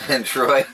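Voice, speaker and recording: A man's voice: medium pitch, vocal fry, noisy background. A middle-aged man in casual chat as a vlogger, laughing often, filmed by a camera across a small wooden cabin living room.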